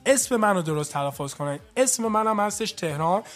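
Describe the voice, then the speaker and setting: A man from Iran hosts a call-in radio program, speaking. He talks in a loose, chatty way and keeps slipping English phrases into what he says. His voice sits high for a man, and faint music plays behind him. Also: animated, fairly bright tone. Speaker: radio show host.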